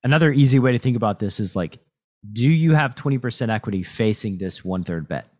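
A man's voice: medium pitch, animated, fast, a little mellow, no echo. A man hosting a podcast in a casual, explanatory, lightly teasing way, close on a podcast mic. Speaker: podcast host and poker coach.

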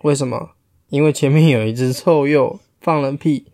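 A man's voice: medium pitch, normal speed, dark tone, no room sound, studio quality. A father reading a picture book aloud to his child, playfully asking questions along the way. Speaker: storyteller parent.

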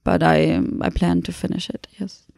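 A middle-aged woman from Germany with a German accent, her voice carrying a gravelly, creaky texture as she muses through her answers. She pauses and restarts often, picking her words with care. The sound is close and dry, with no room around it. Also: lowish voice, sing-song, a little mellow, dry recording. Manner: reflective, halting, many restarts. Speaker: photographer guest. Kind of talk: conversational interview.

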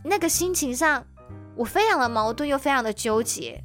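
A woman's voice: high voice, lively intonation, normal speed, fairly bright tone, faint music behind. A woman with a Taiwanese Mandarin accent telling a personal story on a podcast, emotional and intense.

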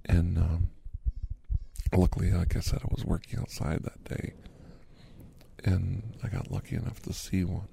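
A man's voice: deep voice, level tone, unhurried, vocal fry, mellow, breathy edge, heavily acted. A man doing a whispered role-play as a chatty doctor in his fifties who gives a massage, rambling easily in a half-whispered voice. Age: 50s. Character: chatty fifty-something male doctor giving a massage. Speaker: ASMR host.

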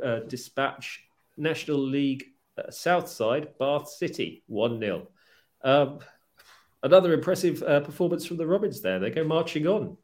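A man hosting a casual sports podcast, presenting in a halting, hesitant way. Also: mid-range voice. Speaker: podcast host.

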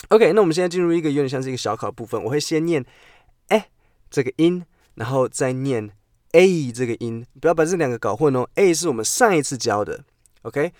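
A man's voice: mid-range voice, a little mellow, no room sound, clean studio sound. Playful male teacher. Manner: playful, repeats words slowly for drilling. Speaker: English pronunciation teacher. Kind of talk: podcast lesson. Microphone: podcast mic.

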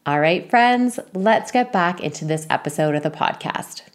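Podcast host, woman, low pitch, encouraging and reflective. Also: lively intonation, moderate pace. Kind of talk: podcast interview.

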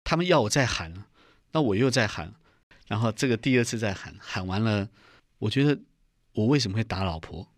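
A middle-aged man tells his story earnestly, with a somewhat low voice. The recording is close and dry. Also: expressive, fairly quick, no echo. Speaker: guest giving testimony. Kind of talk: personal testimony interview.

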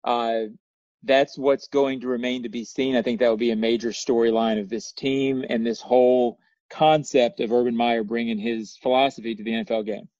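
A man's voice: medium pitch, fairly even intonation, moderate pace, a little mellow, no room sound. Man, sports podcast panelist, analytical, dry close sound, slightly dull audio. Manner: thoughtful, analytical. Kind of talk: casual sports discussion.

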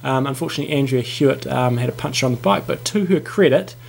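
A New Zealand man with a creaky, gravelly voice gives casual race reports as a co-host. He explains haltingly, often doubling back on his words. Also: medium pitch, a little mellow. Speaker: co-host of a triathlon show.

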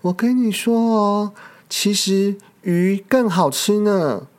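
A storyteller voicing a small, kind young pterosaur in a picture-book story, high and sweet. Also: slow, darkish tone, close to an everyday voice. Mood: chatty.

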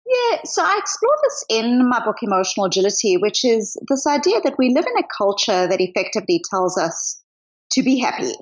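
A woman's voice: a little high, big pitch swings, a little fast, muffled recording. A middle-aged woman from South Africa with a mixed accent, a psychologist speaking thoughtfully as a guest in an interview. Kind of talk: interview conversation.

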